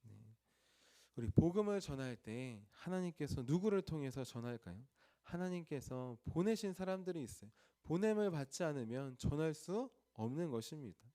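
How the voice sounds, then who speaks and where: A man's voice: on the high side, lively intonation, normal speed, mellow. A male pastor preaching an early morning sermon in a church, asking the congregation questions and then answering them himself.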